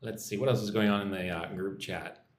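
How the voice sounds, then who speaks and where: This American man's voice sits low and steady, and he talks briskly while hosting a casual English-teaching livestream. He reads viewers' comments aloud, answers them, and greets people in a chatty, informal tone. Faint background noise and roomy echo come through.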